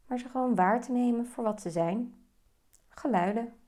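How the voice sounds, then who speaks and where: Woman, meditation guide, soft-spoken, slow and calm, warm mellow tone. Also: on the high side.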